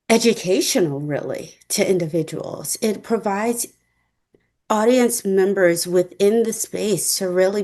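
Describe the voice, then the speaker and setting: A woman hosting an interview as a psychologist, speaking in a measured, reflective way with academic phrasing. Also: lowish voice. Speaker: host and psychologist. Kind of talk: interview conversation.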